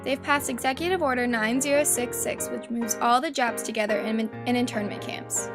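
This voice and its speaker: A woman's voice: fairly high pitch, close to an everyday voice. A woman playing a supportive home-front wife, reading her letter as a voice-over.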